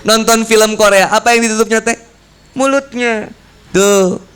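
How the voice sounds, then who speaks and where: Very high-voiced preacher man. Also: unhurried, clean tone. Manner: lively, slangy, acts out voices. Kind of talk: casual youth sermon.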